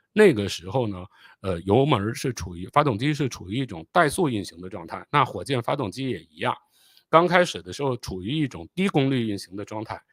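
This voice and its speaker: A man hosting a live stream, explaining rocket launches and pausing often with fillers. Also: mid-range voice, a bit bright, husky, no echo, studio quality. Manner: explanatory, with frequent filler pauses; apologetic and hurried while fixing playback. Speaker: channel host.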